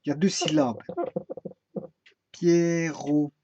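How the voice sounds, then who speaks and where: Male music teacher, halting delivery with restarts, higher voice, dry muffled lo-fi sound. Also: lively intonation, noisy background. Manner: halting, many fillers and restarts, sings phrases slowly. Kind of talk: informal solfège lesson.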